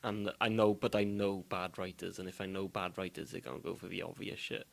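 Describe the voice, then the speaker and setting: A young man co-hosting a casual podcast, blunt and quick to joke. His voice sits on the low side and has a gravelly rasp. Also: flat delivery. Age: young adult. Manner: blunt, joking, asks quick questions. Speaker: podcast co-host. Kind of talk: casual chat.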